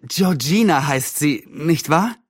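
A man's voice: on the high side, expressive, takes it slowly, breathy edge, no echo, clean studio sound, pitched above the performer's own voice, heavily acted. A man voicing a prim, nosy middle-aged woman neighbor who sounds a little disapproving and fussy. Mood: friendly prim.

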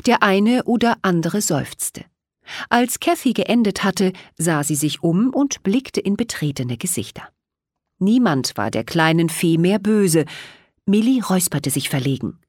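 A woman reading a children's storybook aloud in an expressive, animated way. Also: fairly low pitch, measured pace, dry recording, clean studio sound. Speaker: audiobook reader.

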